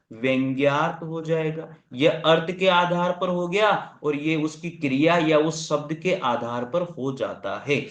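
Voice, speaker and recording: A man's voice: fairly high pitch, reverberant. A man teaching an online exam-prep class, asking and answering his own questions and repeating key terms. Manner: urgent, coaxing asides to students.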